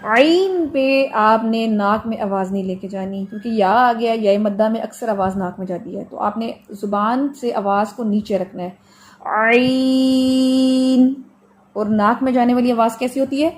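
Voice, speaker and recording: Teaching Quranic letter pronunciation online, a woman with a fairly high voice gives a patient tajweed lesson built on everyday examples. She draws sounds out slowly for her students to repeat, with a little hiss or hum in the audio.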